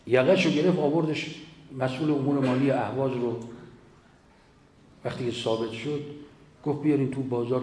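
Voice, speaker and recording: A man delivering a sermon, forceful and full of rhetorical questions. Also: medium pitch, slight background noise. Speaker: cleric. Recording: echoey hall with faint ambience.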